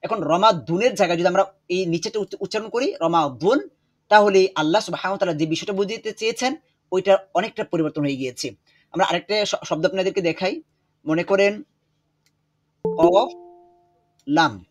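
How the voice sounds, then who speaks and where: Man teaching over a video call, somewhat high voice, husky, repeats words slowly for the class. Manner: explains slowly, repeats words, drills pronunciation. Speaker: Quran teacher. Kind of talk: online class lecture.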